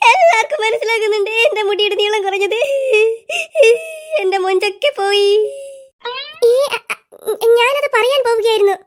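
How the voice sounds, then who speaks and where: A voice actor voicing squeaky schoolkids in an animated comedy, trading quick teasing banter. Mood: bickering. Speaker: cartoon voice actor.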